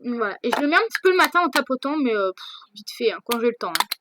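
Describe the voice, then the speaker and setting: A woman's voice: on the high side, sing-song, quick pace, noisy background. A teenage girl answering viewer questions in a casual vlog, hesitant, with many fillers and restarts. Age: teens. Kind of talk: casual chat.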